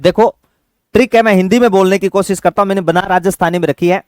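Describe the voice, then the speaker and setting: A man teaching an exam-prep lesson, fatherly with his students, asking questions and answering them himself, chanting memory tricks slowly. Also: high voice, no room sound.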